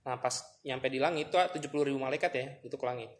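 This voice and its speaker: A man's voice: mid-range voice, steady tone, fast. Man retelling a story. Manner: storytelling, retells scenes with quoted dialogue. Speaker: podcast co-host. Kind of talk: casual podcast chat.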